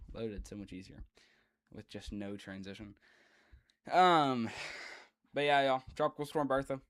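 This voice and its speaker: A man's voice: mid-range voice, animated, slow, pauses often, dry recording. A man chatting casually as the host of a weather livestream. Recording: music playing behind the voice. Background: background music.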